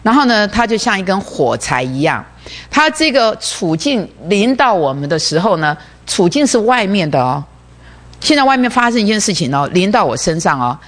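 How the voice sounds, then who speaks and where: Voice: medium pitch, very animated, normal speed, fairly bright tone. A preacher giving a sermon that explains a diagram, who often repeats words and keeps asking the listeners rhetorical questions.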